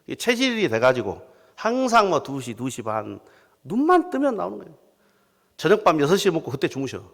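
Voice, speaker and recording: Man, Jeolla accent, guest preacher, folksy storytelling sermon, lively voice, long church reverb. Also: on the high side, brisk, gravelly. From southern Jeolla. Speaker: guest pastor. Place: church sanctuary.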